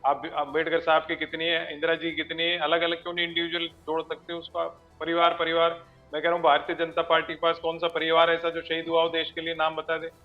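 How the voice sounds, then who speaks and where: A man making measured, rhetorical points as a panelist in a TV debate. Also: a little high, monotone, highs cut off, faint music behind. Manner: measured, rhetorical, formal address. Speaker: political panelist. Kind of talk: TV debate argument.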